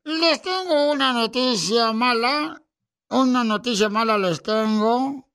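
A man's voice: very high voice, slow pace, a bit bright, clear, resonant tone, heavily acted. A man playing Casimiro, a goofy male joke teller on a radio comedy show, who rambles, repeats himself and makes sound effects. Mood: joking.

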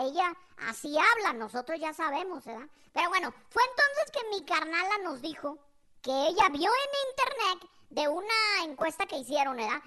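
Very high, bright comic storyteller. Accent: Mexican. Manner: chatty, keeps asking ¿verdad?. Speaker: podcast host.

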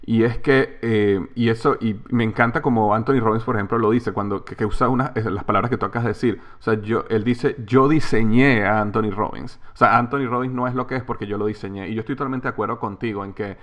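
A man's voice: on the low side, steady tone, fast talker, few pauses. A middle-aged man, an author and company head, talking in a podcast interview with emphatic repetition. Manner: emphatic, repeats himself for stress.

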